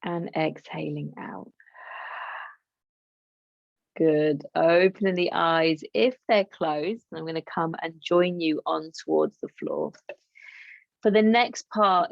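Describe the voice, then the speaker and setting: Gravelly-voiced woman guiding a yoga class. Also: fairly low pitch, no room sound, muffled recording. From England. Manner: gentle, encouraging, chatty asides. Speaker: yoga teacher. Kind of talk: guided yoga class instruction.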